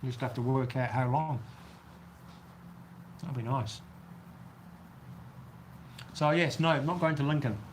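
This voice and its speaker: A man's voice: medium pitch, unhurried, pauses often, slight background noise. A man with a New Zealand accent chatting casually on a livestream, rambling as he answers viewer comments from an outdoor shelter. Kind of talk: casual live chat reading comments. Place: outdoor weather shelter on a golf course.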